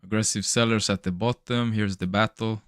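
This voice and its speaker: A man's voice: fairly low pitch, steady tone, normal speed, no echo, studio quality. A young man doing casual live-stream commentary on his trades, chatty and loose, calling his viewers bro. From Serbian parents, raised elsewhere in Europe. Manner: loose, chatty, swears and laughs, talks to chat as bro. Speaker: livestreaming futures trader.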